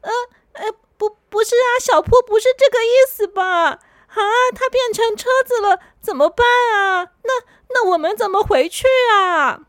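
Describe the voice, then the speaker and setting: A woman's voice: very high voice, expressive, unhurried, a bit bright, no echo, pitched above the performer's own voice, exaggerated voice. A woman voicing an anxious young girl who stammers and sounds close to tears. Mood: fretful. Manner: stammering, teary.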